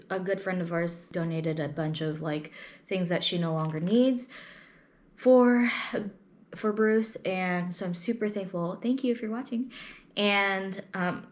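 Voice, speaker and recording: A young woman with a slightly low voice talks casually as a vlogger to her audience. She is reflective and halting, often breaking off a thought and picking it up again from another side. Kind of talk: casual personal chat to camera.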